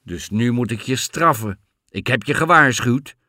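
Male reader doing a menacing fairy-tale husband, loud and barking, bright, animated. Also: medium pitch, a little slow, no room sound, clean studio sound. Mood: stern. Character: cruel bearded husband, impatient, menacing.

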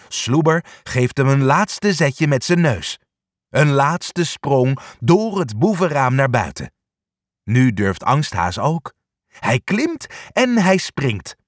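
A man reading a children's story aloud with an expressive, animated manner. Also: mid-range voice, no echo, clean studio sound.

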